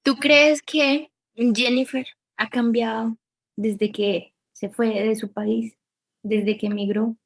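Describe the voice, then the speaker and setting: A woman's voice: on the high side, slow, vocal fry. A woman, hosting a casual podcast chat and acting out little scenes as she talks. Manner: animated, acts out little scenes with quotes. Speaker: podcast host. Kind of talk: casual conversation.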